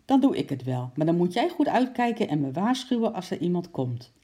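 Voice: medium pitch, very animated, brisk, dark tone, husky. A storyteller voicing a bold older boy who leads a break-in, talking brash and eager. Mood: daring.

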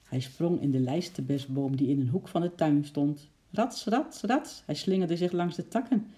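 A storyteller reading a children's story aloud, lively and adding sound effects for the animals. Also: mid-range voice, normal speed.

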